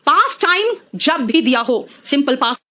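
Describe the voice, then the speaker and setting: A middle-aged woman teaching an exam-prep English lesson, calling her students "beta" and slowing down to spell out example sentences. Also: high voice, sing-song, bright, forceful tone. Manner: addresses students as beta, mixes Hindi and English.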